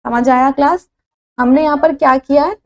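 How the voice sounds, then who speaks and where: A woman's voice: high voice, steady tone, normal speed. A woman teacher with an Indian accent, giving a phonics lesson in Hindi and English, spelling each word letter by letter before reading it.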